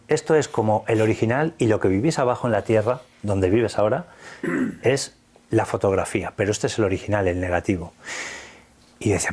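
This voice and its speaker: A man's voice: lowish voice, a little mellow. A man from Spain with a Spanish accent, recounting a personal experience in earnest, vivid detail, quoting the dialogue. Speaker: interview guest.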